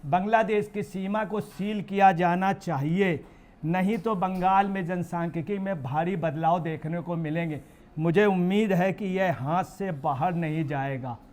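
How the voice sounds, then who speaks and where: Male commentator, high voice, emphatic rhetorical delivery, mocking tone. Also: steady tone, a little slow, a little mellow. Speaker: political news commentator. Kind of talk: heated political commentary.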